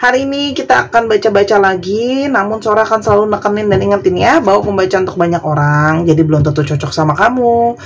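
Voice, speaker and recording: A woman from Indonesia doing a tarot reading in a chatty, casual way, sometimes soft and dreamy, sometimes firm. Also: mid-range voice, quick pace, lo-fi sound. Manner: chatty, soft and dreamy at times, laughing asides. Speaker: tarot reader.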